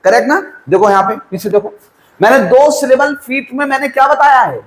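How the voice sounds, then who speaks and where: Guy teaching a class, keeps asking questions n answering them himself, high voice, echoey room. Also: lively intonation, brisk. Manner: quizzes students, answers his own questions; mixes Hindi with English terms. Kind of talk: classroom lecture.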